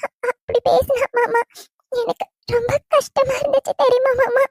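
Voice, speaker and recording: A woman voicing a bold, quick-tempered college girl in a cartoon, sassy and sharp-tongued. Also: very high voice, fairly even intonation. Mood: upset. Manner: sassy and bold, turns tearful when hurt. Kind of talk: cartoon voice acting.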